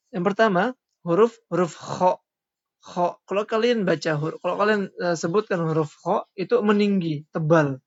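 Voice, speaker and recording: A man teaching Quran recitation rules in a lesson, loudly voicing each letter sound before explaining it more quietly. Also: fairly high pitch. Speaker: tajwid teacher. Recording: dull lo-fi recording.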